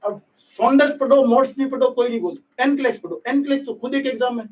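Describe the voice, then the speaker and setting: A man's voice: very high voice, fast talker, darkish tone, distant mic, highs cut off. A man teaching a live online class for nursing exams, speaking bluntly and scolding his students. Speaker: nursing exam coaching teacher. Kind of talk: live-stream lecture, candid rant.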